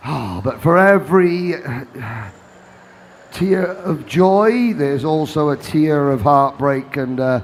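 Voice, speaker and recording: A man giving lively live commentary on a kart race, listing drivers and their grid places. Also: fairly high pitch, a little hiss or hum. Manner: jovial, quick-talking, reeling off driver details.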